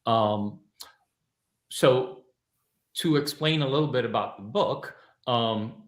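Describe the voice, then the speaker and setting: A man from Cuba talks as an interview guest, relaxed and reflective. He pauses often and fills the gaps with soft fillers, at a middle pitch. His voice echoes in a roomy space. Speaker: guest author and teacher. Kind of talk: casual interview chat.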